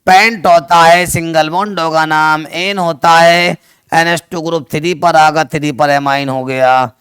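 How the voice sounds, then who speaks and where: A man teaches chemistry online in a loud, projecting voice that sits a little high and sounds smooth and crisp, with fairly even intonation and a measured pace. He keeps calling his students dear children, poses questions and answers them himself, and mixes two languages. The audio is dry, with no room echo.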